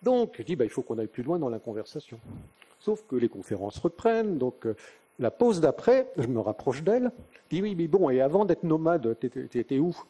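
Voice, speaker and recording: Older man, very dark mellow voice, slightly husky, conference lecture, storytelling tone, rhetorical questions. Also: fairly high pitch, big pitch swings, fairly quick. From northern France. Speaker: conference speaker. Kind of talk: live conference lecture with anecdotes. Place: conference venue.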